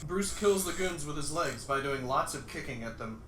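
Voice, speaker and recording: A livestreamer gives a comic dramatic reading of a screenplay, amused and often breaking into laughter. His voice is on the high side and fairly bright, with lively intonation at normal speed. The recording sounds roomy, with a distant mic and faint noise.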